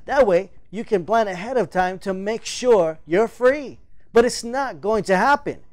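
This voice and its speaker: A man's voice: high-pitched, animated, measured pace. A man playing a sarcastic, scolding shelter leader. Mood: exasperated.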